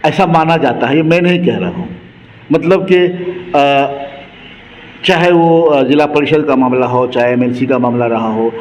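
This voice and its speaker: A man's voice: mid-range voice, unhurried, a little mellow. A man interviewing a local politician with formal, polite questions. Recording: long reverb.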